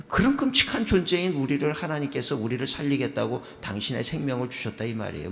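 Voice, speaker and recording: A man's voice: mid-range voice, creaky. A middle-aged male pastor preaching a revival sermon, telling a story, acting out his own prayers and putting questions to the congregation. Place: church sanctuary. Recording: reverberant church hall, faint ambience.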